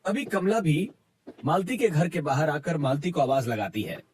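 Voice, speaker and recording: A man narrating an animated family story in a steady, scripted storytelling manner. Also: on the high side, moderate pace, breathy edge.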